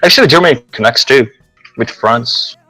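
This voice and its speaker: A man's voice: mid-range voice, lively intonation, moderate pace, sharp tone, husky, no echo, faint music behind, poor audio. A man from southeastern Europe co-hosting a podcast, playful, with non-native phrasing. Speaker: podcast co-host. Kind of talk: podcast banter.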